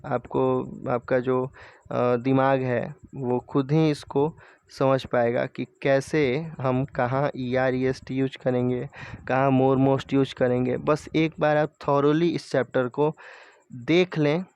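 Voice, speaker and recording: A man's voice: mid-range voice, flat delivery, slow pace, a little mellow, clear, resonant tone, no room sound, dull audio. A man teaching a grammar lesson, patiently repeating and checking each point as he explains.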